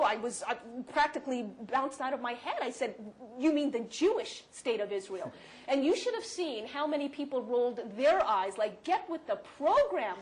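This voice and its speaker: A woman speaking at a university lecture and answering audience questions, animated and emphatic, quick to rebut. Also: sits high. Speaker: guest speaker.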